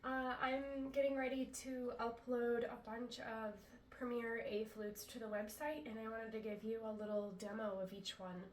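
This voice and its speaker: In a casual product demo, this Pacific Northwest flute maker, from the US, chats to the camera about her handmade flutes in an indoor room, a little stuffy after a cold and using many ums in her relaxed way. Her voice is on the high side at a moderate pace. The distant, off-mic recording in an echoey room carries slight background noise.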